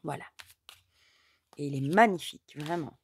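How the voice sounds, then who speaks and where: A hoarse mother, chatting in a rambling way as she hosts an oracle card reading. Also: low voice, moderate pace. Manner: chatty and rambling, many fillers. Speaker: oracle card reader, channel host. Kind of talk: casual chat during a card reading.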